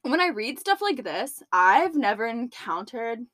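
A woman's voice: on the high side, sing-song, measured pace, fairly bright tone, no echo. Chatty young woman reading a story aloud. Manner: chatty, laughs between lines, lots of "like". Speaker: podcast co-host.

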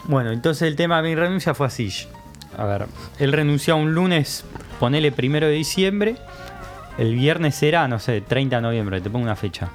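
A young man with a Rioplatense accent, a podcast guest telling an animated story in casual chat and acting out the people he quotes. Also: on the high side, moderate pace, faint music behind. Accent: Rioplatense Spanish.

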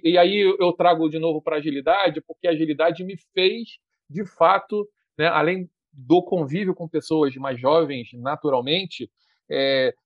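A man in his early fifties speaks in a fairly high voice, thinking out loud in relaxed conversation and circling back over his own words. The sound is dry and a little dull, like a lo-fi online call. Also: dry recording. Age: 50s. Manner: reflective, hesitant with restarts. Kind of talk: casual conversation.

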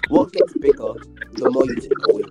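A man's voice: brisk, loud music behind the voice. A man hosting a podcast quiz over a phone call, reading riddles with lots of hesitant fillers and teasing bickering. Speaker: podcast host, quizmaster. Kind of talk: casual group chat, reading riddles.

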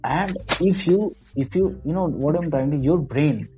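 An excitable Indian man with an Indian English accent hosts a casual podcast chat, his mellow voice tripping over its own restarts. The sound is dull and lo-fi. Soft guitar music plays faintly underneath. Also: on the high side, measured pace. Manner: excitable, restarts sentences often, switches between English and Hindi. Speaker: podcast host. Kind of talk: casual conversation.

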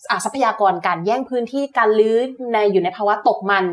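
A woman who is a university lecturer and field researcher, chatting as a podcast guest and telling animated stories. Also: medium pitch, quick pace. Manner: animated storytelling with frequent laughs. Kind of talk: casual explanatory chat.

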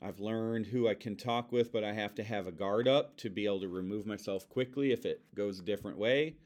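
A man's voice: fairly low pitch, brisk. A man co-hosting a podcast, a bereaved father talking earnestly and reflectively about grief. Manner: earnest, reflective, speaks softly of his son.

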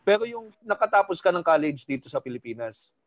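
A man's voice: fairly high pitch, big pitch swings, fairly quick, no echo. A man co-hosting a podcast, asking the guests direct questions. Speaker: podcast co-host. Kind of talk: casual chat.

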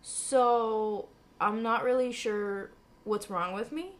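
Young woman with a hoarse smoker's rasp. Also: on the high side, slow. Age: young adult. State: hoarse from flu, partly lost voice. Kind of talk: casual chat.

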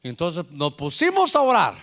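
Lively, bright-voiced pastor preaching. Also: male voice, fairly high pitch, normal speed. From Guatemala. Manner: animated storytelling, acting out voices and shouts. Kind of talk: sermon. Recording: echoey hall reverb.

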